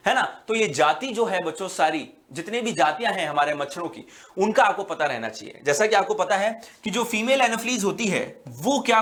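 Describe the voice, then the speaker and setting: High-voiced male biology teacher. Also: a bit bright. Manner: explains slowly, repeating "बच्चों" and "है ना" often; fills pauses with "अ" and restarts words. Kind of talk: online exam-prep lecture.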